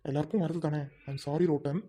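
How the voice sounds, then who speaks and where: A man playing an earnest, dark-voiced young husband. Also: fairly high pitch, steady tone, fast talker, husky. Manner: earnest, apologetic, mixing in English words. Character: earnest young husband, loyal to his brother. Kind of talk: village family web drama.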